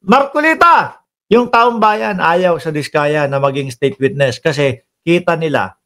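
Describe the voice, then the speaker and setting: A man from the Philippines giving casual, animated political commentary over clips, switching between Tagalog and English and laughing often. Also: a little high, unhurried.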